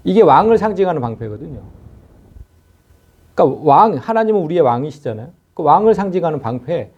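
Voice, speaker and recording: A man preaching a sermon, explaining scripture with a lively, scolding, conversational delivery. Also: high voice, muffled recording. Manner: lively expository preaching, acts out scripture speakers in a scolding informal tone. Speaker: pastor. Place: church.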